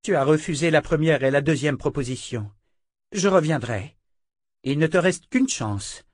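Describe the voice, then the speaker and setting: A man's voice: a little high, moderate pace, dry recording, studio quality, voice pushed up, lightly acted. A man voicing a stern sister, raised voice. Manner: cold, commanding. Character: stern older woman, a magic-wielding sister.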